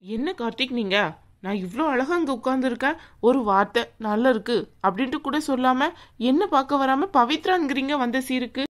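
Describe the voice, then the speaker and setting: A woman voicing a haughty young bride in a cartoon, sharp and sneering as she bosses others around. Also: high voice, brisk, close to an everyday voice. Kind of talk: cartoon voice acting.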